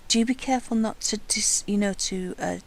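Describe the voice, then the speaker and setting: Gravelly-voiced woman teaching a craft. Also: mid-range voice, moderate pace, low-quality recording. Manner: calm, careful, talks while working with hands. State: has hiccups. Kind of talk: hands-on craft tutorial narration.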